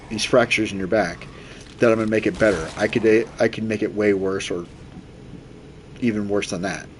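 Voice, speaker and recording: Man in his forties chatting over noise. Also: on the low side. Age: 40s. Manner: rambling, animated retelling with quoted dialogue and swearing. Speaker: game streamer. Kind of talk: casual chat while playing a video game.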